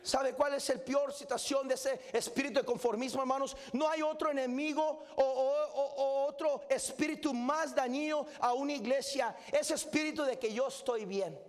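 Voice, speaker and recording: A man, a pastor preaching a fervent sermon in a large church auditorium and rising into shouts. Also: extremely high pitch, steady tone, moderate pace, few pauses.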